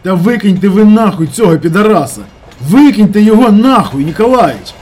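A man doing a yelling, swearing driver. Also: fairly high pitch, very animated, normal speed, husky, full character voice. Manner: shouting, swearing. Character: crude panicking male driver who swears and yells.

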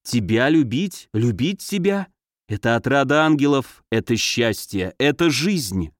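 A man voicing a passionate baron, speaking slowly in a gentle, coaxing way. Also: mid-range voice, expressive, no echo, clean studio sound, lightly acted. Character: ardent male baron, tender and passionate suitor.

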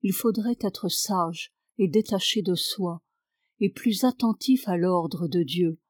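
A woman reading the part of a calm, wise nobleman who speaks softly and gently. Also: on the low side, slow pace, dry recording. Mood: gentle. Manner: soft, gentle delivery.

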